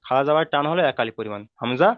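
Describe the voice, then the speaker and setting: স্পষ্ট কণ্ঠের পুরুষ শিক্ষক, অনলাইন ক্লাসে. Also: male voice, medium pitch, dry recording. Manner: patient, repeats rules and drills letters slowly. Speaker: Quran reading teacher. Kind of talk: online class instruction. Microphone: video call. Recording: tinny phone-like online call audio.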